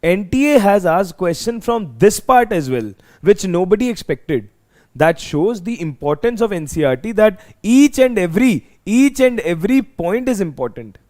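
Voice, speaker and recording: High-pitched North Indian man teaching emphatically. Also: big pitch swings, normal speed, a little mellow. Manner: emphatic, repeats phrases for students. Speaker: chemistry teacher. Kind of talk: live exam revision lesson.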